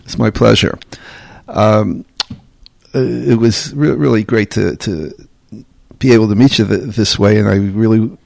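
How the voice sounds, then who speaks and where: A male host introducing and questioning his guest, stumbling along with a steady stream of fillers. His voice is low and gravelly. The recording is dry and close. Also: no room sound. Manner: halting, with constant "uh" fillers. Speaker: interview host. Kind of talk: casual interview.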